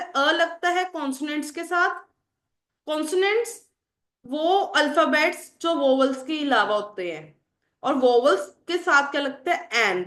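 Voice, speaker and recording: High-voiced woman teacher, echoey room. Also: fairly bright tone. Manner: asks the class questions and answers them herself; addresses students as children. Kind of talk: explaining English grammar to students. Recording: roomy echo.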